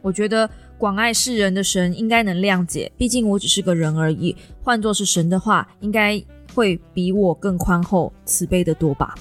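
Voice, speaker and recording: A woman voicing a weary, earnest adult daughter who pleads and then reasons calmly. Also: mid-range voice, moderate pace, few pauses, faint music behind, lightly acted.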